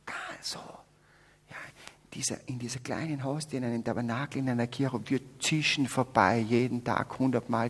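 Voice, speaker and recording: An older man from the Salzburg region with an Austrian accent, giving a spiritual talk at a faith festival, joking with the audience and swinging between loud exclamations and hushed whispers. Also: on the high side, vocal fry, breathy edge. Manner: humorous, addresses audience directly. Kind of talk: spiritual talk to young adults. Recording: long hall reverb.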